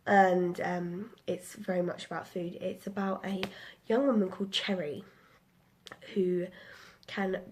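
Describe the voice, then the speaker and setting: A slightly bunged-up woman in her twenties hosts a casual book review vlog, rambling about her reads with lots of ums. She speaks on the low side with fairly even intonation, unhurried and a little mellow, over a faint hiss or hum.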